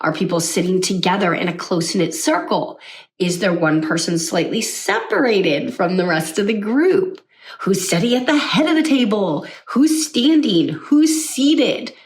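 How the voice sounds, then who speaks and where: A woman coaching on social skills in an energetic, conversational way, often checking in with the listener. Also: medium pitch, unhurried, distant mic. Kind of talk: teaching to camera.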